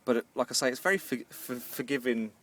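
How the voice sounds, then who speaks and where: Talking fast in a mid-range, slightly bright voice, a Northern Irish home baker chats casually while cooking in a camper van. His unscripted speech stumbles into phrases with hesitations and repeated words, caught by a distant mic over faint background noise.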